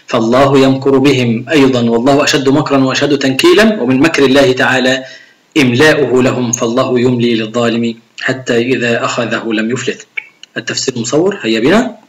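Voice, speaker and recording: A middle-aged male teacher gives a recorded video lesson on Quran recitation to young pupils. He works through the rules step by step and demonstrates how each sound should be pronounced. He talks straight to the pupils and encourages them to follow along. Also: medium pitch. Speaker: religion teacher.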